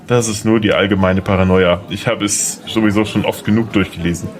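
This German audio drama dialogue features a man voicing a young lawyer who is courteous, a bit hesitant, and charming. He speaks a little fast in a lowish voice with fairly even intonation, sounding close to everyday speech. The mood is friendly and charming.

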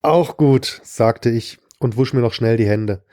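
A man reads a short story aloud in the first person with a dry, sardonic edge. His voice sits in a medium register and sounds dark and mellow. The recording is close and dry, with no room sound. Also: medium pitch, level tone, a little slow, no echo. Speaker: narrator. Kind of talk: scripted narration of a short story.

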